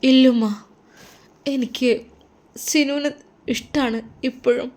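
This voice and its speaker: A woman's voice: high voice, fairly even intonation, slow, a little mellow, voice pushed up. A woman with a Malappuram Malayalam accent voicing a heartbroken young woman who pleads tearfully. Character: heartbroken young wife, loyal sister.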